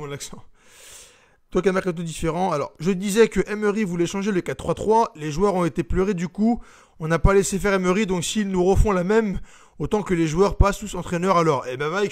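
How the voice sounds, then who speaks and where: A young man hosting a casual live stream, reading viewer comments aloud and answering them in a chatty, informal way. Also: high-pitched.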